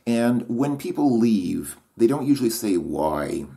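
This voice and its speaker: In this solo monologue, the man's deep voice is creaky and mellow, moving a little slowly with big swings in pitch. He pauses, starts his sentences over, and questions his own thinking along the way.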